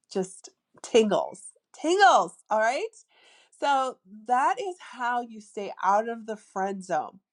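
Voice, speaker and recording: A woman hosting a podcast and giving dating advice in a casual, chatty monologue, with lots of filler words and playful asides. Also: mid-range voice. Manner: demonstrates a lilting flirty tone. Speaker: podcast host, dating coach.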